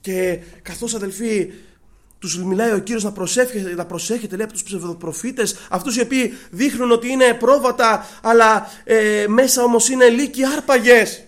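High-voiced man preaching a sermon. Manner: addresses listeners as brothers, swings from hushed to raised.

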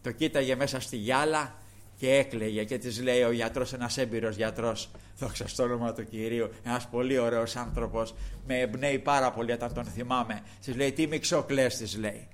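With a medium-pitched, steady voice, an older preacher speaks fervently to his flock, punctuating the sermon with praise refrains and drawn-out, emphatic passages.

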